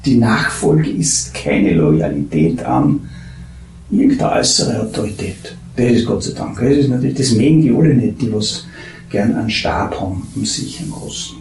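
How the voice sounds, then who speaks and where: A man giving a meandering spiritual talk, halting and searching for words, drifting from soft murmurs into animated bursts. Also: on the low side, a little hiss or hum. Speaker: spiritual teacher. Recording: echoey room with faint ambience.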